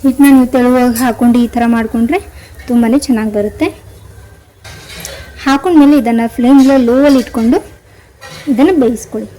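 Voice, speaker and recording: A woman hosting a cooking channel, calmly talking viewers through a recipe step by step. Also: a little high, fast talker, long pauses, a little hiss or hum, low-quality recording. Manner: calm step-by-step instructing, addresses viewers directly. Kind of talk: cooking demonstration voice-over.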